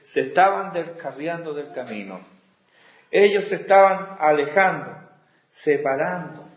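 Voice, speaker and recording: A male pastor preaching with passion, swinging from loud exclamations to hushed asides. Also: a little high. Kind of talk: sermon. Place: church sanctuary. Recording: echoey, dull lo-fi church recording.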